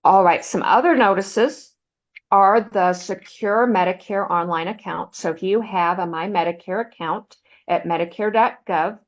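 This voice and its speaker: A woman presenting a benefits counseling webinar, walking listeners through slides in a steady, explanatory way. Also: medium pitch, a little slow, dull audio. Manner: explanatory, steady, uses "um" fillers.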